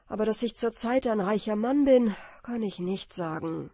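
Fairy-tale peasant, poor and hopeful, loud and eager, as a woman reader puts him on, dry sound. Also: medium pitch, expressive, moderate pace, husky, no echo.

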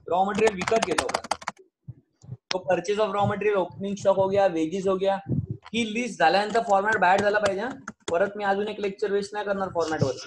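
Man, high voice, accounts teacher, quizzing students, noisy recording, keyboard clicks. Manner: switches between Hindi, Marathi and English, questions students often. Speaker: commerce teacher. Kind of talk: online accounts lecture.

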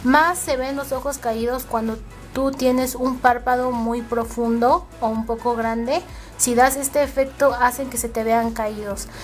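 A woman's voice: on the high side, fairly even intonation, a little slow, faint music behind. A woman with a Mexican accent hosting a makeup tutorial, talking chattily to her viewers step by step. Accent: Mexican Spanish. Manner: chatty, addresses viewers as girls.

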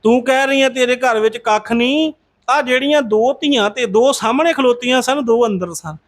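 A man's voice: very high voice, normal speed. A man voicing an old wandering male yogi who scolds and then gives advice, retold in his own storytelling voice. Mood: stern advice.

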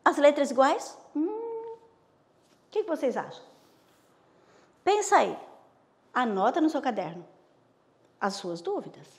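A woman primary school teacher with a Bahian accent, giving a slow, patient recorded lesson and checking in with her pupils often. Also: high voice, very animated, long reverb tail. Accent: Bahian Brazilian Portuguese.

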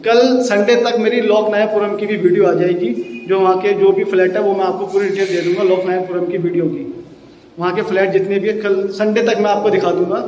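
A man's voice: high voice, fairly even intonation, brisk, darkish tone, slight background noise, low-quality recording. A man in his thirties, talking casually while walking through a new apartment building and pointing things out, filmed on a handheld phone. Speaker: property vlogger. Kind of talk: casual walkthrough vlog. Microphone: handheld phone at arm's length.

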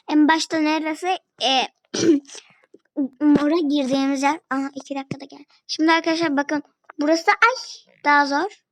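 A young gaming video creator with a high-pitched voice gives laid-back commentary on a phone game, talking to viewers and a friend as she goes. It's a dry, low-quality recording.

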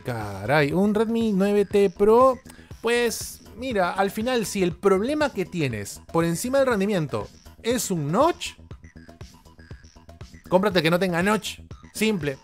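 A chatty man with a Peruvian Spanish accent hosts a live tech Q&A and answers viewer questions. His voice sits a little high for a man, and he talks in an animated way with lots of asides to viewers. He speaks into a close desk microphone, with faint music playing underneath. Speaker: tech YouTuber and journalist hosting a live Q&A. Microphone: desk studio microphone.

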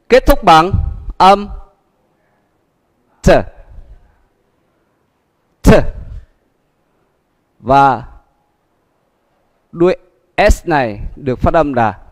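A male teacher with a Vietnamese accent, speaking very slowly in a fairly high voice as he drills English word endings over and over. His speech is full of fillers, and a long reverb trails behind it, as from a livestream in a hard room. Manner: slow, repetitive drilling with many fillers. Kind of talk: livestream English pronunciation lesson.

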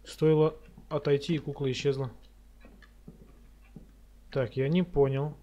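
A man's voice: mid-range voice, steady tone, unhurried, dark tone, dull audio. A man giving casual commentary on a horror game playthrough as a scared, jumpy streamer who mutters and swears as he reacts.

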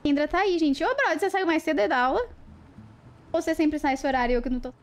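A woman's voice: sits high, quick pace. A young woman chatting casually on a livestream, playful and talkative, greeting viewers one by one. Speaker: live streamer.

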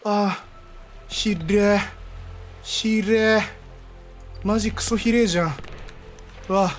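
A man streaming a horror game, panicky and rough-spoken, often shouting in fear. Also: high-pitched, fairly even intonation, takes it slowly, faint music behind. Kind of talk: horror game let's play commentary.

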